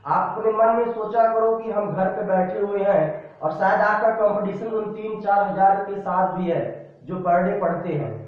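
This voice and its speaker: A man's voice: high-pitched, a little slow, heavy reverb, recorded from a distance, narrow, tinny audio. A male teacher giving a lesson, drilling students with repeated questions and answers. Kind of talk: classroom lecture.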